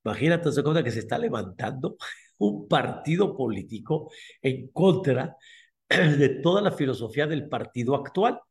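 A man with a Mexican Spanish accent giving a sermon as a rabbi, telling the story with emphatic repetition and frequent throat clearing. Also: medium pitch, lively intonation, moderate pace, a little mellow. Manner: emphatic, repeats key words, clears throat often.

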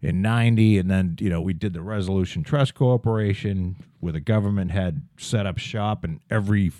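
A man's voice: low voice, fairly quick, dark tone, dry recording, studio quality. A man in his fifties co-hosting a podcast in casual chat, rambling and swearing as he goes. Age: 50s. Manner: profane, rambling, trailing off. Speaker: podcast co-host.

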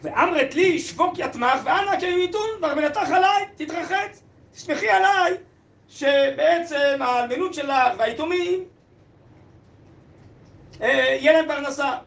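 A man's voice: very high voice, gravelly, fairly bright tone, echoey room. A man teaching a text-study lesson, reading old sources, translating them aloud and putting questions to the class.

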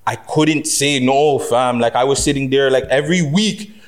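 A man's voice: medium pitch, normal speed. A man hosting a casual podcast, talking emphatically in street slang and swearing freely. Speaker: podcast host.

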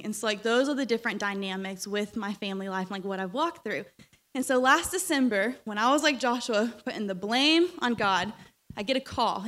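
A young woman preaching a sermon, animated and storytelling, with a voice still recovering from being lost. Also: mid-range voice. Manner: animated, storytelling, laughs when uncomfortable.

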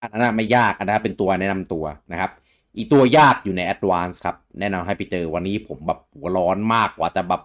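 A young man with a fairly low voice, co-hosting a relaxed gaming news chat. He reads news items in a steady, polite way and climbs sharply in pitch when something excites him. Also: quick pace. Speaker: co-host of a gaming news show. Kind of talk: casual chat.

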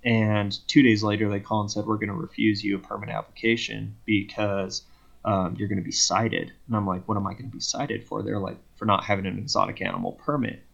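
A man's voice: fairly low pitch, a little fast, vocal fry, dull audio. A man speaking as a podcast guest, telling a long story casually and acting out both sides of each conversation. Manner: animated retelling that acts out both sides of conversations.

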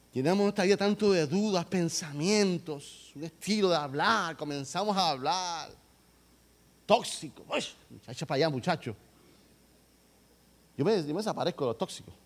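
A man preaching a sermon, swinging between soft, low talk and loud, repetitive outbursts.

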